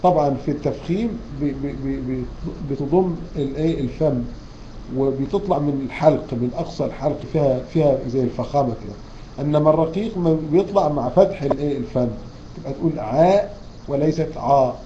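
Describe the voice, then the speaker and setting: A man's voice: fairly high pitch, a little fast, mellow. A man with an Egyptian Arabic accent teaching Quran recitation in an online lecture, quizzing his students and drawing out the verse words as he recites them. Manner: poses quiz questions to students and answers them. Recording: dull lo-fi online class recording, faint hiss.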